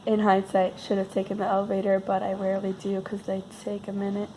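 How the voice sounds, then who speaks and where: A woman's voice: mid-range voice, completely flat delivery, brisk, warm tone, a little hiss or hum, low-quality recording. A woman vlogger who sounds sick and losing her voice, telling a casual, rambling personal story with wry, self-deprecating understatement.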